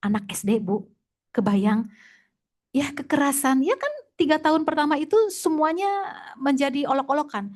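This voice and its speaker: A middle-aged woman gives a religious talk to an audience of women. Her voice sits a little high, and she tells the story with feeling, sinking to a hushed whisper at sad moments and climbing to exclamations at others. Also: normal speed. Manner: animated storytelling, dropping to whispers and rising to exclamations. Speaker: Islamic teacher.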